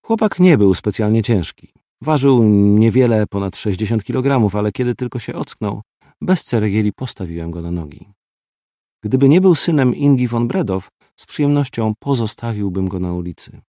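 Gruff low-voiced man narrating. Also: animated, moderate pace, warm tone, dry recording, studio quality. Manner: terse, gruff. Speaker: audiobook narrator. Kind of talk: first-person audiobook narration.

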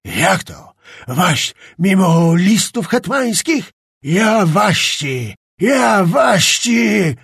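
A man's voice: high-pitched, sing-song, extremely slow, vocal fry, a bit bright, breathy edge, no echo, studio quality, pitched above the performer's own voice, heavily acted. A man reading an audiobook, voicing a furious brawling nobleman who shrieks and stammers with rage.

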